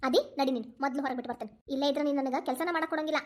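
A woman's voice: sits high, steady tone, racing, a little mellow, pitched below the performer's own voice, lightly acted. A woman voicing a busy, harried young mother who scolds and complains, with a Dharwad Kannada accent. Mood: scolding.

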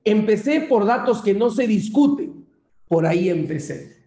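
A man's voice: sits high, animated, unhurried, warm tone. A man with a Peruvian accent teaching an online class, working through a logic puzzle step by step and repeating his cues to coax students along. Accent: Peruvian Spanish. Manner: repetitive, coaxing, keeps saying "mira" and "sigue". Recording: echoey room.

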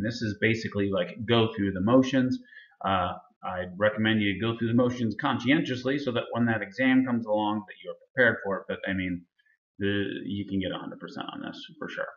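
A man's voice: medium pitch, fairly bright tone, echoey room, lo-fi sound. A male instructor casually talking students through a lab assignment, with many fillers. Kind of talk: recorded lab walkthrough lecture.

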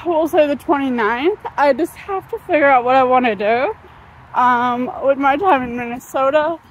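In a casual walking vlog, a woman in her thirties strolls a sunny park, filming herself on a phone at arm's length. Her high voice moves slowly from thought to thought, padded with ums and uhs and interrupted by hiccups. Audio quality is poor.

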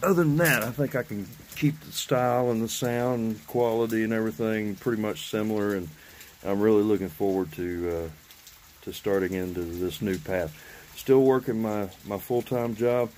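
A vlogger in his fifties with a lowish voice rambles casually at a normal pace, his talk loosely organized. He's on a covered porch outdoors, recording on a phone held at arm's length, with steady background noise throughout.

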